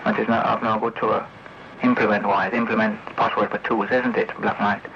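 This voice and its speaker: Heard on a noisy, muffled CB radio tape, this operator's fairly low, level voice moves briskly through a sweary, confrontational ramble. He keeps repeating his accusations and throws challenging tag questions at the listener.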